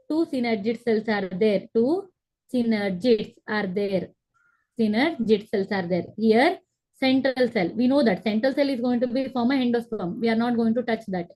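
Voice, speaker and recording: Over a rough recording, a young woman with a fairly high voice lectures on biology from a room in her home via a laptop webcam on a video call. She takes things step by step at a slow pace, repeats the key terms, and regularly checks her students' understanding.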